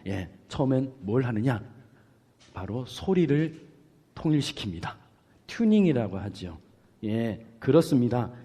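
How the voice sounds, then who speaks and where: A man preaching a children's sermon, asking the children questions and acting out a teacher calling out orders. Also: medium pitch. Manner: lively and playful, asks the children questions and acts out a teacher's calls. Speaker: pastor giving a children's sermon.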